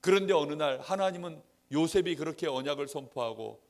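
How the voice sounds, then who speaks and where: A man preaching a sermon to young people in church, acting out quoted friends and swinging between loud emphatic lines and soft asides. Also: fairly high pitch, animated, brisk. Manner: acts out quoted friends in dialogue. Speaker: Sunday school preacher.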